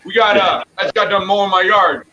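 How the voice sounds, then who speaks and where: A man's voice: high-pitched, level tone, fairly quick, pushed and bright, dull audio. A man from the Midwest with an accent that sounds East Coast, chatting casually as a guest on a stream, easygoing and given to repeating himself. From Midwest US, Minnesota. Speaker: guest caller. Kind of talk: casual chat on a live stream.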